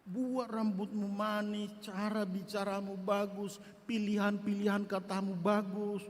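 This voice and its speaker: A middle-aged pastor preaching a sermon, swinging from soft asides to loud, emphatic outbursts. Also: male voice, high-pitched, flat delivery, measured pace. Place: church sanctuary. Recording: reverberant church hall.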